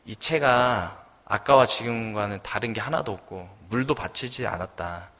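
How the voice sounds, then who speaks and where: A man voicing a patient elderly mother answering her son softly, in a church with long reverb. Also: fairly low pitch, normal speed, natural voice. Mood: calm.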